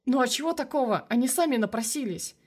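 A woman's voice: high voice, expressive, fast, breathy edge, pitched above the performer's own voice. A woman reading a dry, wry young hero.

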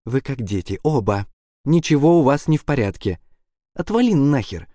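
A man's voice: mid-range voice, animated, moderate pace, mellow, dry recording, studio quality, voice pushed up, close to an everyday voice. A man voicing a bossy teenage girl who orders others around with exasperation, in an audiobook. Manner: commanding, exasperated.

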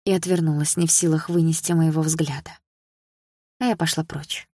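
Low-voiced woman narrating an audiobook. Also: steady tone, normal speed, warm tone, no room sound, studio quality. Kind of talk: first-person audiobook narration.

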